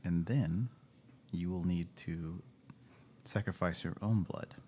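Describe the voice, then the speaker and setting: A man narrating as game master in casual tabletop chat, relaxed and laughing easily. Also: low-pitched, slow pace, a little hiss or hum.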